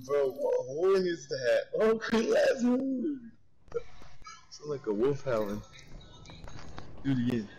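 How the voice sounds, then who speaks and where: A man joking around over voice chat while gaming, animated and quick to laugh. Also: on the high side, low-quality recording. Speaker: gamer.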